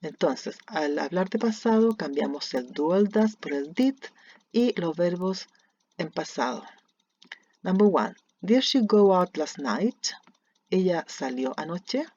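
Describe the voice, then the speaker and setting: Slow gravelly teacher with a Chilean accent. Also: mid-range voice, lively intonation, a little mellow, no room sound, highs cut off. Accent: Chilean Spanish. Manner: slow, deliberate, repeats example sentences. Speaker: English teacher. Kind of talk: recorded lesson explaining grammar.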